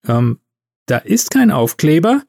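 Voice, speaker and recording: A man's voice: on the high side, big pitch swings, takes it slowly, vocal fry, a little mellow, voice pushed up, exaggerated voice. A man voicing a wry young male elf. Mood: exasperated. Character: laid-back young male elf artist.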